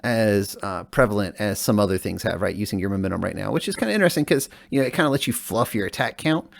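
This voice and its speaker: A man's voice: fairly low pitch, lively intonation, creaky, no room sound, studio quality. A man co-hosting a casual podcast, talking with plenty of filler words. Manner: fast, uses many fillers. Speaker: podcast co-host. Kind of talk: casual podcast chat about a card game.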